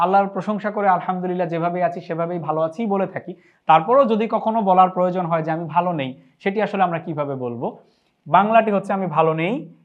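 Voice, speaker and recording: Patient high-voiced male tutor. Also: highs cut off. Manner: patient, repeats phrases slowly and clearly. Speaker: language teacher. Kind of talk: online lesson explaining phrases.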